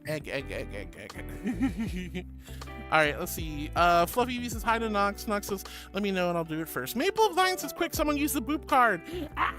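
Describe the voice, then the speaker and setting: She speaks at a moderate pace in a mid-range, slightly bright voice that swings widely in pitch. Chatting casually on stream with background music behind her, she reads viewers' comments aloud and playfully, gigglingly calls them darling, honey and sweetie.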